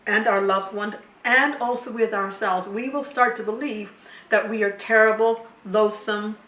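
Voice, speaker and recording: A woman counsellor explaining things in a calm, measured way. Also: mid-range voice. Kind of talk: explaining to camera. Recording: roomy echo, distant mic.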